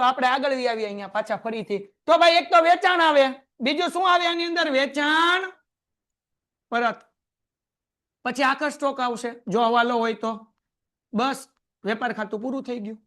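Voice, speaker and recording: A man with a Kathiawadi Gujarati accent teaching an accounting class in a classroom, firing quick questions at his students. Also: very high voice, a bit bright. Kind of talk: lively classroom lecture. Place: classroom with a board.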